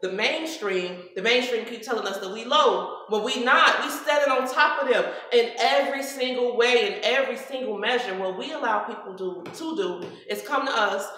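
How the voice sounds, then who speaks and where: A woman's voice: fairly high pitch, normal speed, few pauses, sharp tone. Host type: woman, emphatic and preachy, heard in a big reverberant hall. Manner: emphatic, preachy, repetitive rhetoric. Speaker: radio host. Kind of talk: impassioned talk at a live event. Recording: very echoey hall, faint noise.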